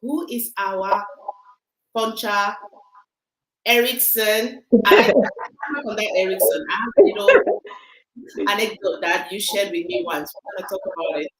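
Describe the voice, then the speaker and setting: A woman's voice: medium pitch, big pitch swings, unhurried, long pauses, crowd noise, rough recording. A woman hosting a casual interview, asking questions in a playful, joking way. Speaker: host.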